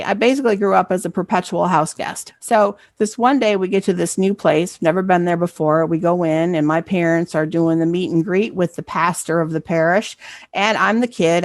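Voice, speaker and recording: A middle-aged woman speaks as a program coordinator, sharing a personal story during a presentation. Her voice has a gravelly fry, and the sound is dry and close. She talks conversationally and keeps asking "right?" to draw listeners in. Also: on the low side, no echo. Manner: conversational, asks "right?" for assent.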